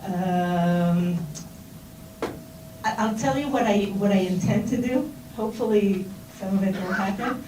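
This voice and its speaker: A middle-aged Israeli woman with a Hebrew accent in her English speaks at medium pitch, unhurried and warm. She's giving an informal seminar talk to students, with many fillers and restarts. The audio is roomy, distant and noisy.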